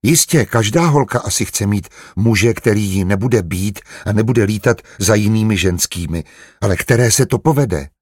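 A man voicing a kind, patient middle-aged doctor who speaks calmly and measuredly in an audiobook. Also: on the low side, breathy edge, no echo, studio quality. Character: kind, gentle middle-aged male physician.

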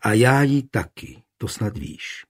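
A man voicing an irritable, defensive husband who talks gruffly. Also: on the low side, big pitch swings.

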